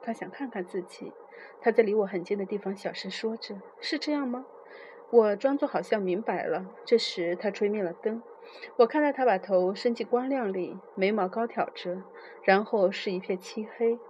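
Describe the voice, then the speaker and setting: A woman narrating a literary novel in a soft, measured, unhurried reading voice. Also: medium pitch, lo-fi sound, a little hiss or hum.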